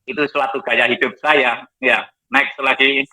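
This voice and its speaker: A man, a pastor giving his testimony in a studio talk, lively and jokey. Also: medium pitch, a little slow, rough recording. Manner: lively, jokey, repeats "next lagi" while showing slides.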